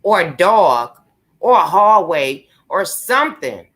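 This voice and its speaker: Woman on a live stream, slow talking, cussing and laughing, kinda low voice. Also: sing-song, a bit bright. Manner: profane, laughing, talks straight to viewers. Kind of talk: casual live-stream rant.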